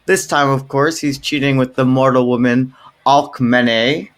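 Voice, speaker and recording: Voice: mid-range voice, steady tone, unhurried. A podcast co-host retelling myths in casual chat, playful and jokey with wry asides.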